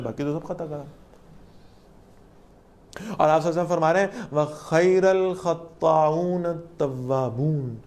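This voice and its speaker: Woman teaching Quran. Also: deep voice. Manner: explains verse by verse, recites Arabic then translates; lively, asks the listeners questions. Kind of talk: Quran lesson.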